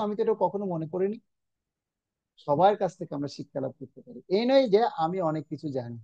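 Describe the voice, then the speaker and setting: A middle-aged man teaching a religious course over a video call, drilling pronunciation by repeating words slowly and quizzing students. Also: a little high, warm tone, dry recording. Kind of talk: online class teaching Sanskrit pronunciation. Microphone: online video call.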